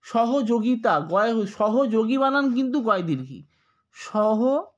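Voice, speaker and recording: A man with a Bengali accent teaching a spelling lesson, slowly spelling out words letter by letter and repeating the corrections. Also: very high-pitched, animated, muffled recording. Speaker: exam tutor.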